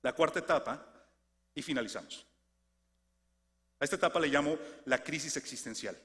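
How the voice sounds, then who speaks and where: Mexican preacher in a reverberant hall. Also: male voice, normal speed. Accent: Mexican Spanish. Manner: animated preaching, dropping to soft low tones for emphasis. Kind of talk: sermon.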